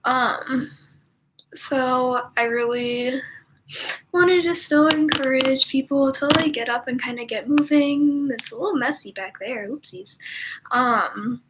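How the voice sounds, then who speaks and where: This young woman leads stretches from a room in her home, talking slowly in a high, stuffy-nosed voice, rambling casually with frequent ums and easy laughter. The sound is reverberant, with background noise.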